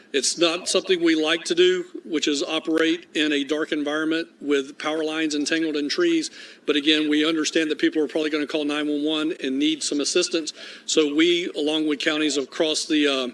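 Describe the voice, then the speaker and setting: Male emergency manager, press update, flat delivery, explanatory, faint noise in the background. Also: a little high. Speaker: state emergency management official.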